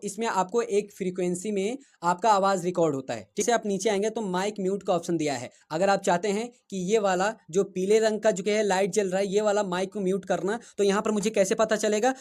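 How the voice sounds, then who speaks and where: A tech reviewer with a noticeably high voice walks viewers through a wireless microphone app, setting by setting, in a casual tutorial. Speaking into a wireless clip-on lapel mic indoors in front of a running fan, he explains step by step and often pauses to check with "thik hai".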